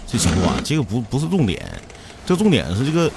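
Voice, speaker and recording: A man voicing a deadpan, wisecracking assistant in a fan audio drama. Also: medium pitch, fast talker, a little hiss or hum.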